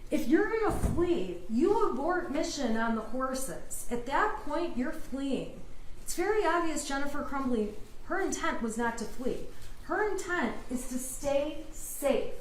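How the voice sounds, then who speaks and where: A woman's voice: high-pitched, animated, a little slow. An American woman, a defense attorney, delivering a passionate, emphatic closing argument in court. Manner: passionate, emphatic, insistent arguing. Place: indoor courtroom. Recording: echoey courtroom with background noise.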